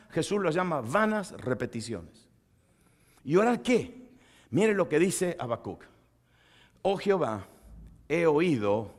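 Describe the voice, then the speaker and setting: A man preaching a sermon in a notably high voice. He asks his listeners questions in lively style, then reads scripture out in loud, forceful bursts. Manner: lively preaching, rising to loud proclamation when reading scripture. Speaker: pastor.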